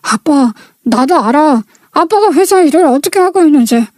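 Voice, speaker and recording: A woman voicing a blunt, ashamed young eldest son, speaking low and flat in a storybook reading. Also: moderate pace, no echo, clean studio sound. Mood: grave.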